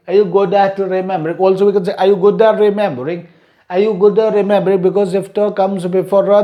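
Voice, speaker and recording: A man teaching English pronunciation, slowly repeating short drill lines and explaining how sounds join. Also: high voice, dark tone. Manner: slow, repetitive drilling with frequent restarts; explains sound rules plainly, with fillers.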